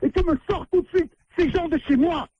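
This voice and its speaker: A landlord who is the target of a prank call angrily orders the caller out, insisting and repeating himself. His voice is extremely high, brisk and warm. The phone line sounds muffled and dry, with no room sound.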